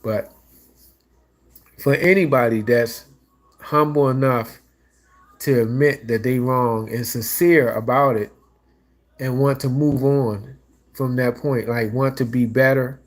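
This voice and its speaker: A man's voice: medium pitch, steady tone, slow pace, long pauses. A man with a stuffy nose chatting loosely about songs and relationships, with many restarts and fillers. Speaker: music reaction vlogger. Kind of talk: casual reaction chat.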